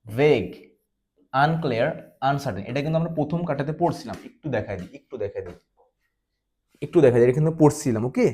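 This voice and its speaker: A man's voice: mid-range voice, dark tone. A man teaching a vocabulary class, who keeps asking questions and answering them himself, repeating words for drilling. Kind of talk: online class lecture.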